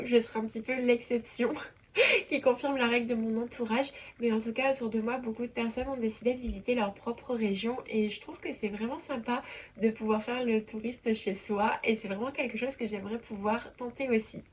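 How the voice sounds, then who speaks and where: A woman's voice: fairly high pitch, fairly even intonation, normal speed, slight background noise. A young woman hosting her lifestyle channel, chatting casually and enthusiastically with many little fillers. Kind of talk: casual chat to camera.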